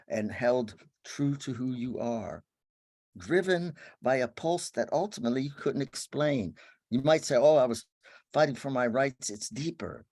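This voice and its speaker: A man giving an earnest spiritual talk, his voice often sinking to a soft, hushed murmur. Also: medium pitch, no echo, clean studio sound. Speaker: workshop speaker.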